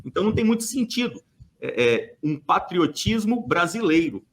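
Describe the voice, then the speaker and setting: On a church podcast, a Brazilian man delivers an opinionated monologue at normal speed, his high voice sing-song. He argues emphatically, leaning on rhetorical questions and hesitant fillers.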